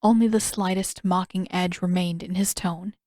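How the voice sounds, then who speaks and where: A woman reading her own fan fiction aloud in a measured, expressive storytelling manner. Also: lowish voice, no echo, studio quality. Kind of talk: fan audiobook narration.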